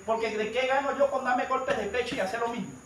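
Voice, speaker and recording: A man's voice: extremely high pitch, fast, a bit bright. A man preaching an informal Bible study sermon, talking emphatically and straight to his congregation. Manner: emphatic, conversational, addresses the congregation directly. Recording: echoey room, mic at a distance, light noise.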